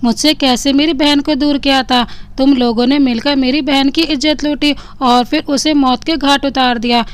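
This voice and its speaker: A woman's voice: high-pitched, steady tone, normal speed, few pauses, natural voice. A woman voicing a fierce, feared young hero. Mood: grieving anger. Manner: pained and angry, then gentle. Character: feared young man, fierce but tender with his love.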